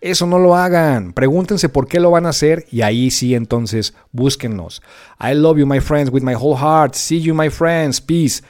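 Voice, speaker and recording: A man's voice: on the high side, a little slow, a little mellow. Joking Mexican man teaching English. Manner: playful, slangy, joking asides. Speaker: English teacher and podcast host. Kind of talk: casual podcast lesson.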